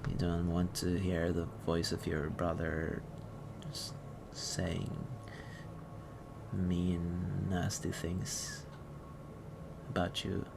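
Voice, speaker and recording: A man's voice: low-pitched, drawn-out words, creaky. A man narrating a tabletop game as game master, hesitant with many fillers and restarts. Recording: steady background noise.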